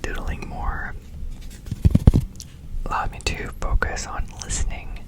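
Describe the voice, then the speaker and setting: A man hosting ASMR in a breathy, unvoiced whisper, rambling casually and repeating words in rhythmic runs. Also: slow pace. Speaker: ASMR video host.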